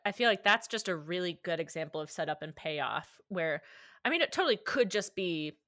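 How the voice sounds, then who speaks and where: Bright, dry-voiced woman co-host. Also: lowish voice, a little fast, no echo. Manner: animated, laughs easily. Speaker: podcast co-host. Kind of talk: casual chat recapping an anime.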